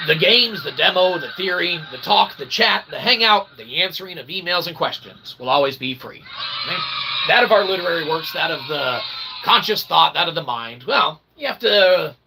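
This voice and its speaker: On his own channel, an independent author and developer rambles through a philosophical monologue, using verbose, archaic, faux-formal language and repeatedly asking "okay?". His voice is a little high and expressive, moving at a normal speed, with a noisy background behind him.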